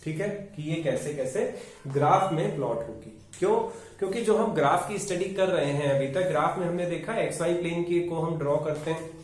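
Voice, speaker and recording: An Indian man lecturing a maths class in a slow, measured way, checking in often with "okay" as he walks through each step. His voice sits a little high and reaches the mic from a distance in a very echoey room. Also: a little mellow. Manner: explains step by step with frequent 'okay' and 'ठीक है' check-ins. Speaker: maths teacher. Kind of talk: classroom lecture mixing Hindi and English.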